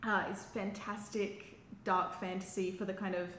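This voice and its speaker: A woman's voice: mid-range voice, little pitch movement, moderate pace, fairly bright tone. A woman gushing enthusiastically in a casual book chat on a podcast. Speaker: podcast panellist. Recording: roomy echo, faint background noise.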